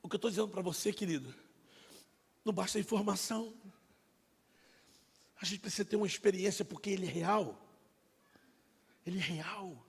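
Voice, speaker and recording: A middle-aged man preaching a sermon and telling his own testimony, swinging between loud and hushed like a dramatic storyteller. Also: high voice, a little fast, vocal fry, pauses often, husky. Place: church sanctuary. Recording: long hall reverb.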